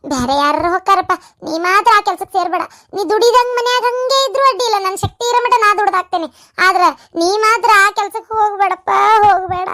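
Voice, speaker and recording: Voice actor doing a frantic cartoon village mom, north karnataka accent, super high and bright, begging her son. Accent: North Karnataka Kannada. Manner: pleading, insistent. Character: worried village mother pleading with her only son. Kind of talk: cartoon voice acting.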